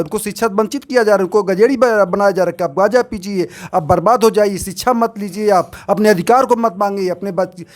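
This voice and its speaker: Impassioned advocate man asking rhetorical questions. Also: high-pitched. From Uttar Pradesh. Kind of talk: street interview answer.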